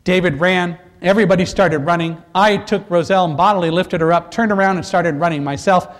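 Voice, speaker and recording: A man telling a personal survival story to an audience, earnest and animated, building to loud emphasis. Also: sits high, brisk. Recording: echoey hall reverb.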